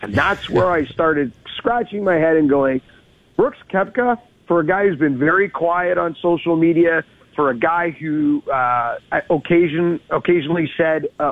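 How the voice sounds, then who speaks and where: A man's voice: on the high side, dry recording. A man co-hosting a golf talk show, casually commentating and recounting shots in emphatic detail like a golf commentator, over a tinny phone-like line.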